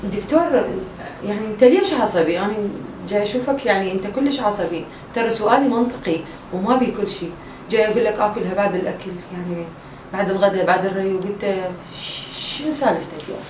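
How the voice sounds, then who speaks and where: A woman's voice: mid-range voice, fast talker, a little mellow, recorded from a distance, lightly acted. A woman with an Iraqi accent playing an argumentative, indignant patient at a diet clinic in a comedy sketch. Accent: Iraqi Arabic. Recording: echoey room, voice from afar, faint hiss.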